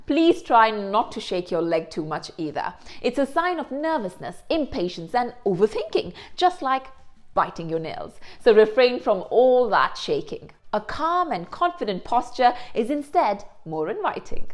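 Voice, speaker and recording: A woman hosting a lesson and explaining things clearly, with the odd aside in Hindi. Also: on the high side, very animated, a little slow. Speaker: host. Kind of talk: instructional presentation.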